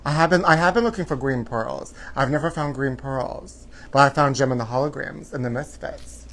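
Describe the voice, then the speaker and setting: A man with a mid-range voice chats casually to viewers as host of a live gossip show. His delivery is sassy and campy in the manner of a drag queen, with theatrical, drawn-out exclamations. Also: medium pitch, fairly bright tone, slight background noise, poor audio. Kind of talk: casual livestream chat to viewers.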